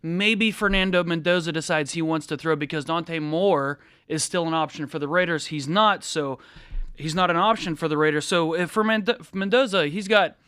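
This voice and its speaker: A man's voice: on the high side, moderate pace, pushed and bright, clean tone, no room sound. A man co-hosting and producing a studio sports talk show, speaking conversationally and often agreeing. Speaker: producer and co-host.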